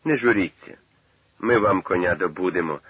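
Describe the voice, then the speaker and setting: A man's voice: low-pitched, moderate pace, husky, dry recording. A man reading the part of a loyal soldier driver who talks in an earnest, reassuring way. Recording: tinny old radio broadcast.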